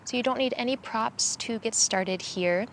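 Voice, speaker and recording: A young woman teaching yoga outdoors and guiding a meditation in a calm, soothing, slow manner. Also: a little high, a little hiss or hum. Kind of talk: guided yoga and meditation instruction. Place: outdoors in a cemetery.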